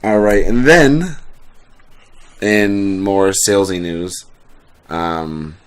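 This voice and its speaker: A man's voice: low voice, drawn-out words, clean tone. A man co-hosting a casual gaming news podcast, reading out news items and laughing often. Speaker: podcast co-host.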